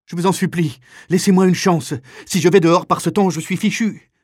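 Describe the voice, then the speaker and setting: A man's voice: sits high, fairly even intonation, fairly quick, no room sound, studio quality, pitched above the performer's own voice. A man voicing a frightened prisoner who trembles and begs to be spared. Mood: pleading. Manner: pleading, desperate. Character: terrified trembling male prisoner begging.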